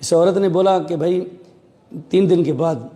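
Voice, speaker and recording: A man's voice: high voice, measured pace, big-room sound. A police officer from Pakistan, a man, recounting events in an interview and acting out the dialogue as he tells it. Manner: animated storyteller acting out quoted dialogue.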